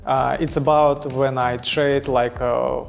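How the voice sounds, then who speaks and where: A man, a trader introducing himself in slow, hesitant English full of fillers. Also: mid-range voice, little pitch movement, gravelly, faint music behind. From Kazakhstan. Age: 30s. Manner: slow, hesitant, many fillers and broken phrasing. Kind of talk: self-introduction in halting non-native English.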